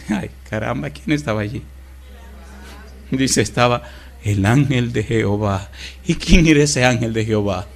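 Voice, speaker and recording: A male pastor delivering an impassioned sermon in a mid-range voice. He shifts between loud, emphatic declarations and quiet, intimate storytelling. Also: medium pitch, gravelly.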